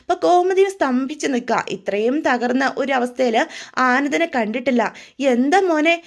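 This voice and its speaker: A woman's voice: high voice, brisk. A woman casually retelling a serial scene with chatty asides to her listeners. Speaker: storyteller.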